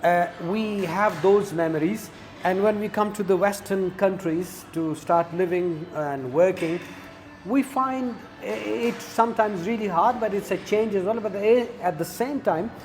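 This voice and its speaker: A man hosting a casual interview in a coffee shop, speaking haltingly with many fillers and restarts. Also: high-pitched, darkish tone. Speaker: interview host.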